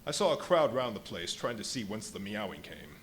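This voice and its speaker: A man playing a feverish, boastful scientist turned invisible in a live radio play, telling his story in dramatic, literary phrases with emphatic pauses. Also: lowish voice, very animated, fairly bright tone. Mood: wry. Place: live performance at a brewery venue. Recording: live stage performance with audible background noise.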